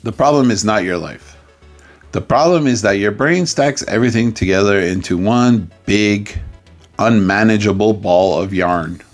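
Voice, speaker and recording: A man as a life coach, giving a playful, jokey coaching talk with sudden loud outbursts. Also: fairly low pitch, unhurried, faint music behind.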